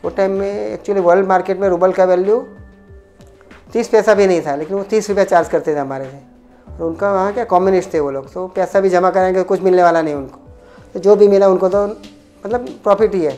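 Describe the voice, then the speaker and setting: A man's voice: sits high, a little fast, a little mellow, soft background music. A middle-aged man casually tells his life story, rambling and often restarting his sentences. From India, Ahmedabad. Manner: rambling, repetitive, frequent restarts. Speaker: interviewee, coin dealer.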